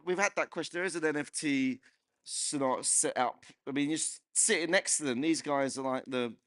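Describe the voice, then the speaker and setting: A man's voice: on the high side, brisk, a bit bright, dry recording. A man hosting a casual panel Q&A, bantering, laughing often and prodding the guests for questions. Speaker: host. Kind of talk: lively panel Q&A chat.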